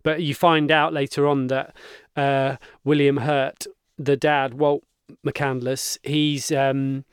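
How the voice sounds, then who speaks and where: A man co-hosting a podcast, chatting casually about a film, self-mocking and quick to laugh. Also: medium pitch, little pitch movement, clear, resonant tone, dry recording, clean studio sound. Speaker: podcast co-host. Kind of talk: casual film review chat.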